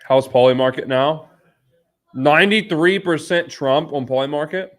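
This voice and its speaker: A man's voice: fairly high pitch, moderate pace. Casual, blunt male live streamer. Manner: informal, blunt, bro-style slang.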